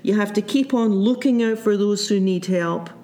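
A man preaching a sermon, reflective and unhurried, often repeating his key phrases for emphasis. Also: high-pitched, a little mellow, a little hiss or hum. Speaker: pastor.

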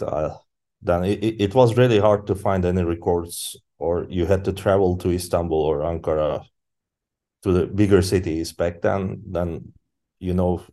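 Deep-voiced man. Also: warm tone. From Turkey. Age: 30s. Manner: halting, searching for words with many fillers. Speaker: guest musician. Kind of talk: casual interview chat.

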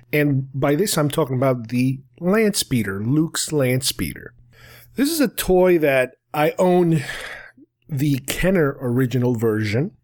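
A man hosting a podcast, talking casually and enthusiastically in a rambling way. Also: fairly high pitch. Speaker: podcast host. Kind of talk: casual solo podcast talk.

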